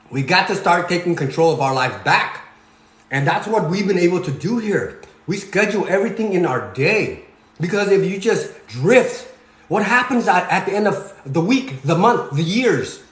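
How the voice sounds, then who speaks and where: A man in his forties, born in Cambodia, lectures his viewers in a home kitchen while he cooks. His voice sits a little high for a man, and the room gives it a clear echo. He talks in a preachy way and keeps checking in with "okay?". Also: a bit bright. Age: 40s. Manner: preachy, repeats "okay?" and "you guys". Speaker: fitness vlogger. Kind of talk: motivational talk while cooking.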